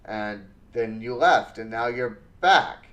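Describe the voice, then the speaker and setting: A man narrating as game master in a tabletop game, relaxed and full of fillers. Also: medium pitch, slow, lo-fi sound.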